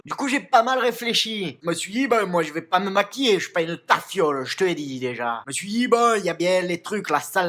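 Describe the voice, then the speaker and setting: A man's voice: sits high, fairly bright tone. A young man hamming up a crude, boastful macho persona in a comic beauty tutorial, recorded at home in his bathroom. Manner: crude, boastful macho bravado, tagging lines with "hein". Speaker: comedy YouTuber in character.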